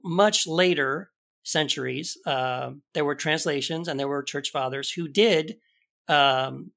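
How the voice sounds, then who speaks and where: A man co-hosting a podcast, giving an emphatic, animated rebuttal to a video clip. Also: fairly high pitch, slow, gravelly. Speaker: podcast co-host.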